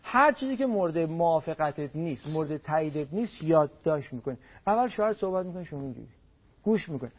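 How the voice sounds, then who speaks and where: A man's voice: fairly high pitch, lively intonation, slight background noise. A man on a radio program as a family counselor, giving marriage advice in an emphatic way and repeating words for stress. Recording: dull lo-fi radio broadcast.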